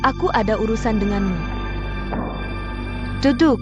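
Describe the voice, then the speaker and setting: A woman's voice: on the high side, unhurried, lightly acted. An actress dubbing a bold woman who threatens a rich director, blunt and commanding. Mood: menacing. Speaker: dub actor. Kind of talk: dubbed drama acting. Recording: music playing behind.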